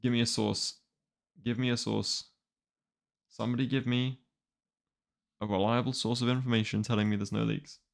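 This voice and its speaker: A man's voice: medium pitch, flat delivery, moderate pace, creaky, pauses often. A twenty-year-old man chatting casually and wryly to a live-stream audience, rambling and exasperated. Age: 20s. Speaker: manga reaction streamer.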